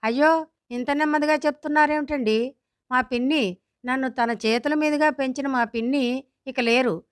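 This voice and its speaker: A woman's voice: high-pitched, normal speed, clear, resonant tone, no echo, studio quality, lightly acted. A woman reading the lines of an emotional middle-aged mother-in-law in a plaintive tone. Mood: distressed.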